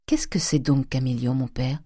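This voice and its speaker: A woman reads an innocent, earnest young girl who asks wide-eyed, pleading questions. Her voice sits higher than the narration, with a soft and mellow tone in a dry, close sound. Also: fairly even intonation, moderate pace, husky, no room sound. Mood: naive. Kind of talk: audiobook character reading.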